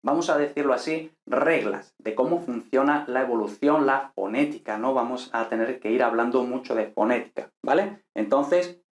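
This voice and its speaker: A man's voice: medium pitch, normal speed, hardly any pauses. A man teaching a grammar lesson patiently, thinking aloud and checking in with listeners as he goes. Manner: patient, thinks aloud with fillers and tag questions. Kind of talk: explaining Greek grammar. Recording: echoey room.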